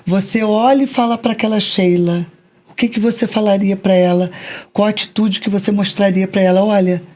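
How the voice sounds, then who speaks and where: Husky-voiced woman hosting a podcast. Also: medium pitch, fairly even intonation, a little fast, dark tone. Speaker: podcast host. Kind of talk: podcast interview.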